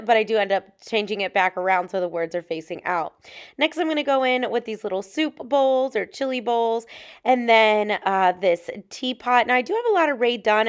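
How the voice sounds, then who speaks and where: A woman's voice: fairly high pitch, smooth. A young woman chatting casually to viewers in an upbeat, friendly way as she decorates her kitchen at home. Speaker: lifestyle vlogger.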